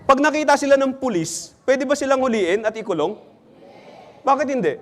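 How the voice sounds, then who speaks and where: A man's voice: very high voice, moderate pace, a bit bright. A man preaching in church, quizzing the congregation and teasing them with jokes. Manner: questions the congregation, teasing and jokey. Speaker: pastor. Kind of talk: interactive sermon.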